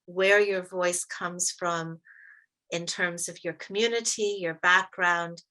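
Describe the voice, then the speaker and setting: Workshop leader, woman, light American accent, clear bright tone, deliberate pacing with slowed emphasis, heard over a video call. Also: on the low side, fairly even intonation. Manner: measured, stresses words slowly. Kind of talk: interactive workshop teaching.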